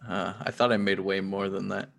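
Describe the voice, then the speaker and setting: A man with a fairly low voice hosts a casual podcast. He banters dryly and plays jokes straight and mock-earnest. His talk is loose and conversational. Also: flat delivery, moderate pace, vocal fry, fairly bright tone. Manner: dry, mock-earnest joking. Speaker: podcast host.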